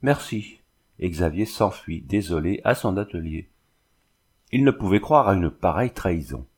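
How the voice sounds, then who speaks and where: Low-voiced man reading a novel aloud. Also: expressive, moderate pace, breathy edge. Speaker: audiobook reader. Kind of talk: scripted narration of a novel.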